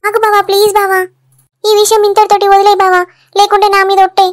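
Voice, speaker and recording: A woman voicing a young wife in a cartoon, sharp and easily hurt, with a sulky manner. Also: completely flat delivery. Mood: pleading. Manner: chipmunk-high cartoon voice, rapid and sulky.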